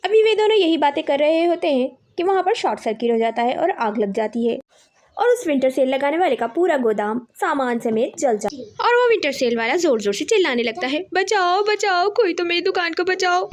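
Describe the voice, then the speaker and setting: A woman narrating a children's cartoon story in a lively storytelling manner. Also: high voice, brisk.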